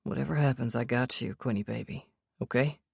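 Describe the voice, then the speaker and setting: A protective young man in an audiobook romance, low and softly growling, as a woman puts him on. His tone stays hushed and gruff yet tender. The sound is close and dry, with no room around it. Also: fairly even intonation, moderate pace, no room sound.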